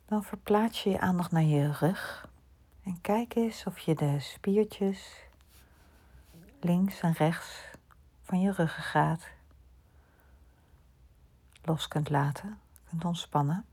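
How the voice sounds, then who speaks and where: A woman guiding a listener through a slow sleep relaxation, speaking softly and often in a whisper. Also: fairly low pitch, breathy edge. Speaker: sleep meditation guide.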